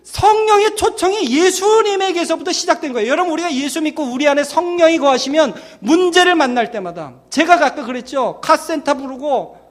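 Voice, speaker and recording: Male pastor, very high voice, conversational sermon, acts out scenes, near-whispers for emphasis. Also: lively intonation, brisk, hardly any pauses.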